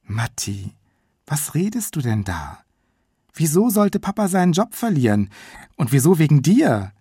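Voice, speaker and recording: A man's voice: fairly high pitch, sing-song, unhurried, dark tone, slightly rough, dry recording, studio quality, voice pushed up, heavily acted. A man reading an audiobook, voicing an exasperated mother who scolds her son. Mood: puzzled. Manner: scolding, exclaiming.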